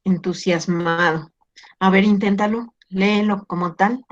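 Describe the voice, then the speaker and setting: A woman teacher reviewing an exam with her class over a video call, patient and gently teasing as she questions students. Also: medium pitch, fairly even intonation, a little slow, highs cut off.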